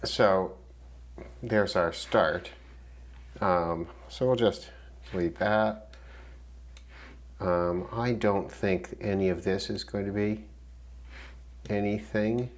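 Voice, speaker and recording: With loud radio static filling the noisy recording, a man shows off a shortwave receiver and muses aloud as he goes. He speaks slowly in a lowish, steady voice, hesitating often and leaving long pauses in his unscripted talk.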